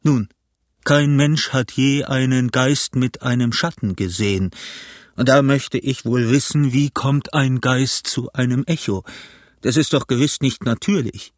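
A man voicing a scheming pirate captain, gruff and blustering, in an audiobook reading. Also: medium pitch, unhurried, no room sound, studio quality, lightly acted. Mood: scoffing. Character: scheming one-legged pirate captain, bold and cunning.

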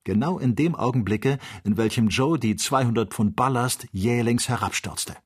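A man reading an adventure novel aloud as an audiobook, with measured, expressive storytelling. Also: medium pitch, husky. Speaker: audiobook reader. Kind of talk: scripted audiobook narration.

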